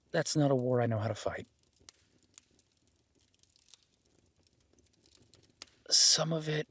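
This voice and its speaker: In this roleplay audio drama, a man voices an awkward young werewolf duke who keeps putting himself down. His pitch is medium, there's no echo, and his delivery is natural, stammering and apologetic as he speaks casually to the listener, sheepish yet candid.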